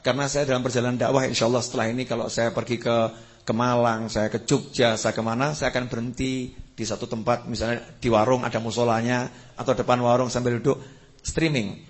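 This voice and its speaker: Animated man preaching a sermon. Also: a little fast. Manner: animated storytelling, pitch leaping up when emphatic, dropping low for asides. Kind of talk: religious lecture to a live audience.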